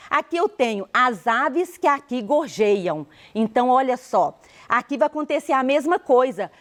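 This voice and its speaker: A woman teacher with a Brazilian accent gives a televised school lesson, explaining step by step, counting aloud and asking the class rhetorical questions. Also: fairly high pitch. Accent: Brazilian Portuguese. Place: studio.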